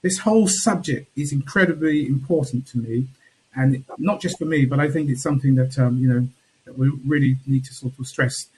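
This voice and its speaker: A man on a video call, introducing himself as a panellist in a measured way with pauses and restarts. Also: mid-range voice, dark tone, breathy edge, rough recording. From England.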